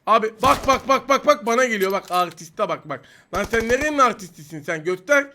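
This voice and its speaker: A young man commentating his own mobile shooter gameplay, excitable, swinging between teasing the enemies and exasperated outbursts. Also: sits high, fairly quick, a little hiss or hum. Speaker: mobile game streamer.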